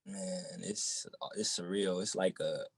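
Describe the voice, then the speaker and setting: Young guy from boston, low voice, dry studio sound, chill rambling interview talk. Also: fairly even intonation, unhurried, vocal fry, husky, no room sound. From Boston area, United States. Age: young adult. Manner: laid-back, fills with "you know what I'm saying". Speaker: rapper, interview guest. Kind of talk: casual interview chat.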